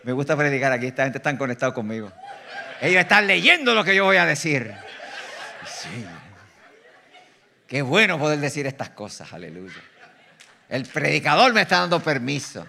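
A man with a Puerto Rican accent preaching an animated sermon as a guest preacher, teasing the congregation and swinging between loud bursts and quiet asides. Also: on the high side, moderate pace, vocal fry, long pauses, slight background noise. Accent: Puerto Rican Spanish. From Puerto Rico. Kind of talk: lively sermon. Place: church sanctuary.

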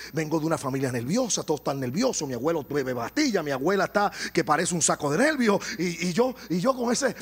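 A Puerto Rican man preaching a sermon, animated, swelling to shouts and dropping into joking asides. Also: fairly high pitch, breathy edge. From Puerto Rico.

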